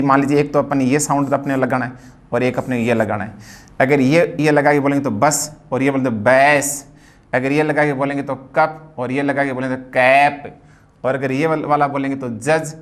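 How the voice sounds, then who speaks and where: Indian male teacher spelling words slowly. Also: medium pitch. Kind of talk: phonetics lecture.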